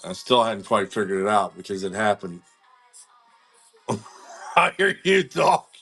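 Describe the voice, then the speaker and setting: Chill guy running a card break stream, slow easy talk, faint music behind. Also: lowish voice, sing-song, sharp tone, husky. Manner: laid-back, slangy, talks to viewers by name. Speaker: card-breaking livestream host. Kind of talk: casual live-stream chat.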